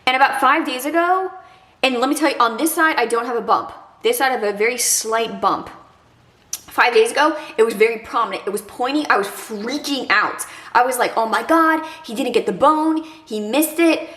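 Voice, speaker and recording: Young woman vlogger, stuffy congested nose, slightly high voice, roomy echo. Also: fairly quick, bright, forceful tone. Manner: chatty, many fillers like "like" and "kinda". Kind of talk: casual advice vlog.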